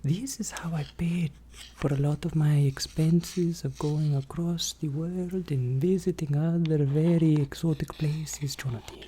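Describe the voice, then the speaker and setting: A woman voicing an eccentric, boastful, excitable vampire in a theatrical, rambling ASMR ASMR role-play, slipping in and out of a breathy soft voice. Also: low voice, a little hiss or hum, low-quality recording. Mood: boastful, secretive. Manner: theatrical, chatty, rambling, drawn-out exclamations. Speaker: ASMR performer.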